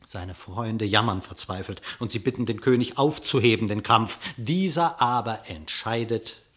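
A man with a somewhat low voice reads a verse fable in measured, expressive storytelling, his scripted narration carrying the telling of a classic radio play.

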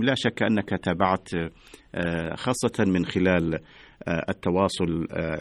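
A man hosting a live radio programme in formal standard Arabic, often pausing on drawn-out hesitations. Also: deep voice, vocal fry, dry recording. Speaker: radio host. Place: radio studio.

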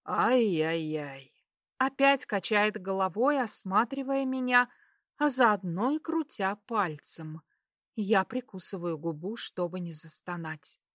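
A woman narrating a first-person romance audiobook in a slow, intimate, unhurried reading style. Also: mid-range voice, fairly bright tone, dry recording, studio quality.

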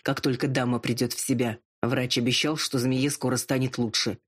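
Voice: medium pitch, little pitch movement, slightly rough, close to an everyday voice. A narrator voicing a haughty dragon lord. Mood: curt. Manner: drawn-out and pleading when drunk, curt when sober. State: drunk and drowsy. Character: arrogant male dragon lord, a gruff millionaire.

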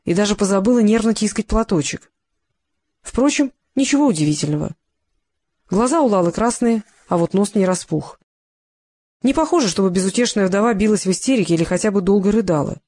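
Measured audiobook narrator, dry sound. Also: mid-range voice, animated, darkish tone, no room sound. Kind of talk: scripted narration of a detective novel.

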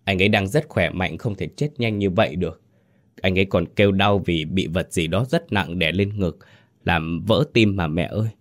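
A man's voice: low voice, moderate pace, natural voice. A man voicing a desperate young widow pleading in a ghost story. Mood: insistent. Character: frantic grieving young wife.

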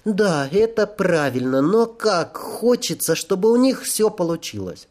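A man voicing a gentle young angel girl. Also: sits high, sing-song, a little slow, pitched above the performer's own voice. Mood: earnest.

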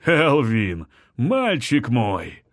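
A man voicing a menacing sorcerer lord who speaks slowly in a purring, condescending tone. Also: medium pitch, huge pitch swings, no room sound, clean studio sound, full character voice. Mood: mocking.

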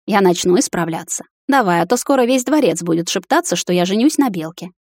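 A young hunter captain, a man who barks orders and then turns gently coaxing. A woman reads him aloud in an audiobook, with a lowish voice close to the mic in a dry, dead room. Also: expressive, a little fast, no room sound. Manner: scolding then softly coaxing. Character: stern young male captain and hunter, teasing fiancé.

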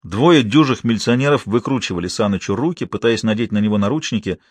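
A man reads a first-person story in a calm, measured voice with lively rises and falls. His voice sits at an ordinary middle pitch. The recording is dry and close, with no room sound. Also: no echo. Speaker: audiobook narrator. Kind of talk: scripted first-person narration.

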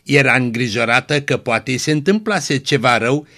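Bright-voiced man reading a story. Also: medium pitch, lively intonation. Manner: measured storytelling, voicing the dialogue. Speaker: narrator.

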